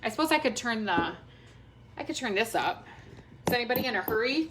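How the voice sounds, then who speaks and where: Talking fairly quickly in an expressive, somewhat high voice, this middle-aged Minnesota woman rambles informally to viewers of her craft livestream, her accent clearly from that state. The setting is a roomy indoor space at home, picked up by a distant mic with a roomy sound and faint noise.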